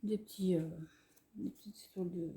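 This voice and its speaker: A woman's voice: lowish voice, fairly even intonation, normal speed. A woman casually chatting through a craft supply haul, showing items one by one and correcting herself as she goes. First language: French. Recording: echoey room with faint noise.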